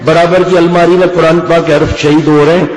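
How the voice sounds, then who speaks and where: A man preaching an Urdu sermon, earnest and exhorting, slowing down to chant quoted verses. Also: fairly high pitch, flat delivery. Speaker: religious preacher. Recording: echoey hall with long reverb.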